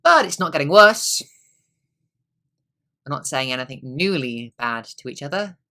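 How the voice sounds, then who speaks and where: Brooding middle-aged husband played by a young man; bright tone, wry, drifts into quiet asides. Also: a little high, expressive, normal speed. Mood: weary. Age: young adult. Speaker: student actor. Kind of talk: stage monologue.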